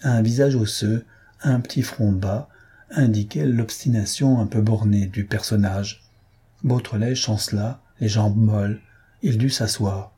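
A man narrating a novel as an audiobook reader in an even storytelling delivery. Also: on the low side, unhurried, breathy edge. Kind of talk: scripted narration.

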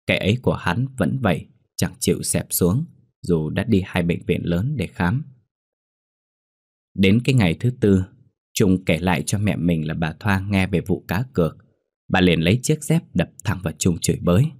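A man tells a ghost story in a steady, dramatic narrating voice. His voice is very deep, and it is recorded close and dry with no room sound. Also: dry recording.

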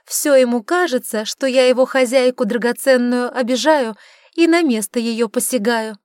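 A woman voicing a sharp-tongued, sarcastic witch in an audiobook, scolding and mocking. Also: on the high side, normal speed, no echo, clean studio sound, voice pushed up, close to an everyday voice. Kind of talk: audiobook character reading.

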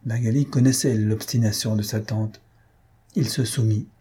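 A man narrating a story aloud in a measured storytelling manner. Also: lowish voice, fairly even intonation, dark tone, husky. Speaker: reader. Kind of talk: audiobook narration.

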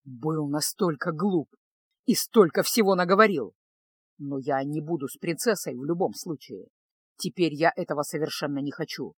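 A brooding young male mage from a fantasy audiobook , voiced by a woman reader. The voice is pushed down low and kept soft, halting, close and dry on the mic. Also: slightly rough, no room sound. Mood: despairing.

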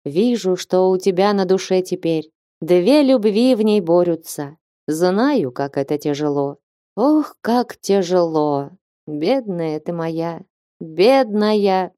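A dignified old abbess speaks slowly and weighs every word, as a female narrator puts her on. Her voice is low and mellow, and the recording is dry and close. It fits a storybook reading. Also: lively intonation, dry recording. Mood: tender. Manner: slow, grave, measured speech. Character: stern but loving elderly abbess. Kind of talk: audiobook character reading.

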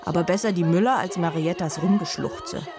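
A woman's voice: on the low side, fairly quick, over music. A woman narrating a children's storybook expressively in a studio.

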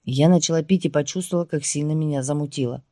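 A woman reading first-person audiobook narration in a steady storytelling voice. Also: sits low, fast, dry recording, studio quality.

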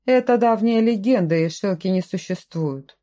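A woman with a mid-range, warm voice reads at a moderate pace, lightly acted. In a storybook reading, she voices a stern, suspicious grown man, a curt castle lord who speaks in short commanding phrases.

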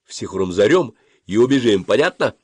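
A man's voice: on the low side, lively intonation, a little fast, husky, dry recording. A man reading aloud voices a bossy young boy who leads his friends and gives stern orders.

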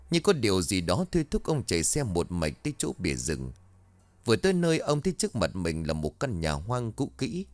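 Guy reading a ghost story, low voice, really animated delivery, dry close mic. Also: no echo. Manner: expressive, dramatic reading.

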